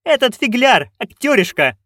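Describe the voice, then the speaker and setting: A man voicing a haughty, scornful duchess in an audiobook, high, sharp and commanding. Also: big pitch swings, moderate pace, dry recording, studio quality. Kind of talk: audiobook reading.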